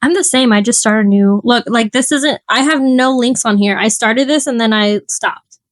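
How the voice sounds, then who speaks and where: A young woman with a fairly high voice co-hosts a casual podcast chat. She talks in an animated, teasing way and laughs often. Her voice sounds close and dry, with no room echo. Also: moderate pace. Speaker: podcast co-host.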